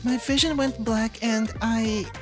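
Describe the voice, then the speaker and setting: A woman's voice: a little high, fairly even intonation, a little slow, voice pushed up, lightly acted. A woman voicing a shy, anxious young girl from a game, with a hesitant, stammering delivery. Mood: timid, anxious. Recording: music behind the voice.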